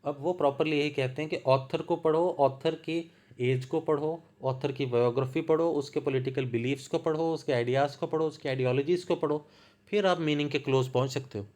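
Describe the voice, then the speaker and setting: A man with a Punjabi accent giving a slow, patient lecture, explaining ideas through worked examples. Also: fairly high pitch, fairly even intonation, darkish tone. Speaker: literature lecturer.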